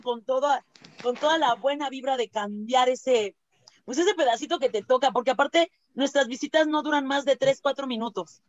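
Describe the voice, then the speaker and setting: A woman's voice: high-pitched, dry recording, muffled recording. A woman with a Mexican accent, a laughter-doctor guest, chatting casually and acting out quotes as she tells stories. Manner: lively storytelling, often acts out quotes; frequent tag questions and fillers. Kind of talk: casual interview chat.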